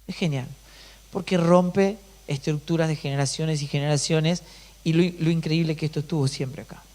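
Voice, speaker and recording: A pastor delivering an emphatic sermon, often putting rhetorical questions to the congregation. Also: male voice, a little high, steady tone, moderate pace, a little mellow.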